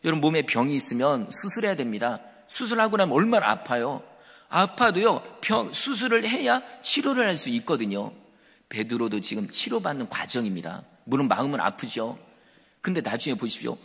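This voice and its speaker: A man preaching a sermon as pastor, animated and conversational. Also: mid-range voice, a little fast, vocal fry, slightly rough. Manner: animated, conversational preaching that acts out quoted speech. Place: church sanctuary. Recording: reverberant church hall.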